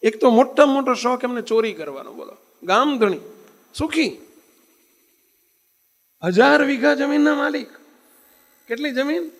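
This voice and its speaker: A man's voice: very high-pitched, expressive, unhurried, long pauses, a bit bright. A man preaching, telling a story in an emphatic sermon manner and throwing rhetorical questions at his listeners. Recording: long hall reverb.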